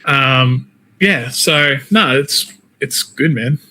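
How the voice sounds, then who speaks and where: Speaking extremely slowly in a bright, forceful mid-range voice, this Australian-accented man is a wrestler and game streamer appearing as an interview guest. He's chatty and informal, talking casually and dropping "man" and "like" throughout.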